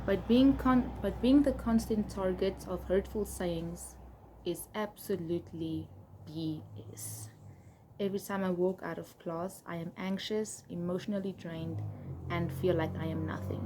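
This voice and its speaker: A young adult woman with a South African accent, reading aloud and chatting casually in a candid, expressive way. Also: mid-range voice. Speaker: vlogger. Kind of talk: casual reading of old diary entries with asides. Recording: clear background noise.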